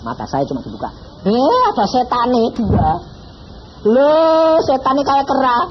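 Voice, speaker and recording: Man, evangelist preacher, lively storytelling, clear background noise. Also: extremely high pitch, moderate pace. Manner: animated storyteller acting out dialogue. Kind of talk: sermon testimony. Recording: dull lo-fi recording with clear noise.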